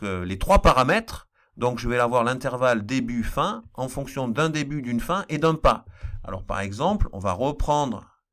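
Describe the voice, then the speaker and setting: A man's voice: medium pitch, fairly bright tone. Man explaining code step by step. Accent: non-standard accent he apologizes for. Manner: explanatory, repeats key points with fillers. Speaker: math teacher. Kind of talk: screen-recorded programming lesson.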